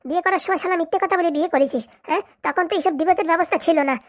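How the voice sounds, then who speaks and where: A woman voicing a bossy, sharp-tongued cartoon wife who scolds and insults her husband. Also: sits high, very fast. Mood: scolding. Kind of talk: comic cartoon dubbing.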